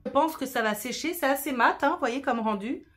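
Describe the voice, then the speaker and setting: A woman's voice: high-pitched, a little fast, fairly bright tone, faint music behind. A woman chatting through a makeup tutorial in a casual, self-deprecating way, sprinkling in English words. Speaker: beauty vlogger.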